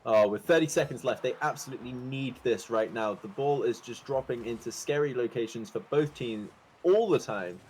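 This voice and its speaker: A man giving esports color commentary, joking and breaking into excited exclamations. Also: medium pitch, normal speed, slight background noise, poor audio.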